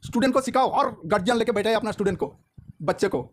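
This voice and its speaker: A male accountancy tutor with a fairly high voice talks straight to his students. His delivery is lively and preachy, and he breaks off to tell a joke. Faint noise hums under the recording. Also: fast. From India. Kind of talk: lecture and chat to students.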